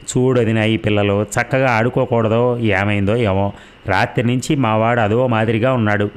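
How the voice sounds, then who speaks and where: A man's voice: fairly low pitch, fairly even intonation, moderate pace, clean tone, lightly acted. A chatty, fussing village mother, as a man reads her. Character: fussing middle-aged village mother, talkative and warm.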